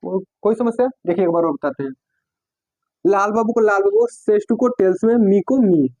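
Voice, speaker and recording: A man teaching English grammar in Hindi. He talks slowly, dictates example sentences word by word, and spells out letters. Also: high voice, a little mellow, dry recording, highs cut off. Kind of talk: classroom lesson.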